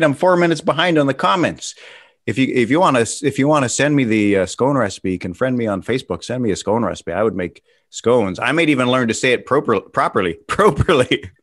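Over a video call, a middle-aged man hosts a virtual stand-up comedy show, doing casual self-mocking bits and laughing at his own jokes. His medium-pitched voice is a bit bright. There's no room sound.

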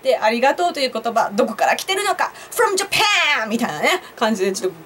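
A woman's voice: on the high side, very animated, rapid-fire, fairly bright tone, a little hiss or hum. A young woman vlogger chatting on her own to viewers, laughing at her own jokes and asking them questions. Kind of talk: casual solo commentary to camera.

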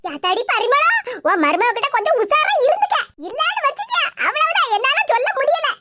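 A woman's voice: very high-pitched, big pitch swings, fairly quick. A woman with a Tirunelveli Tamil accent voicing a bossy older village mother-in-law who gives orders and scolds. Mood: scolding. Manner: commanding, scolding. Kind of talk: cartoon voice acting. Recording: loud background noise.

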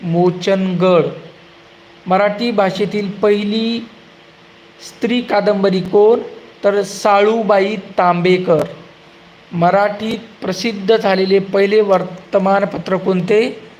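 A man reads out exam-prep quiz questions in a fairly high voice. He takes his time and stretches out each answer slowly. A faint hum sits under the recording. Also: steady tone, a little mellow, poor audio. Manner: asks a question, then gives the answer slowly and drawn out.

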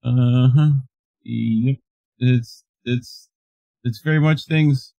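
A man's voice: medium pitch, fairly even intonation, very slow, creaky, warm tone, muffled recording. A male co-host reading news articles aloud and breaking off with laughs and wry comments.

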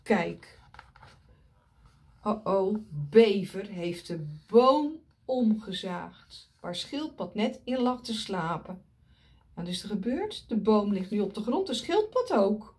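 A woman's voice: medium pitch, sing-song, slow pace, a little mellow. A woman reading a picture book aloud to children, pointing at the pictures and asking them questions.

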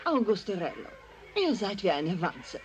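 A woman's voice: mid-range voice, very animated, moderate pace, noisy background, close to an everyday voice. A woman dubbing a teasing young laundress in a film who talks in a mocking, dismissive way.

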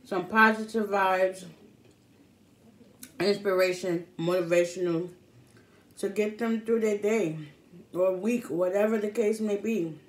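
Slow-talking woman chatting over food. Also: mid-range voice, fairly even intonation. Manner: talks between bites, mouth often full. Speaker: mukbang vlogger. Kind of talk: casual chat to camera while eating. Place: small room at home, indoors. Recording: clear background room noise.

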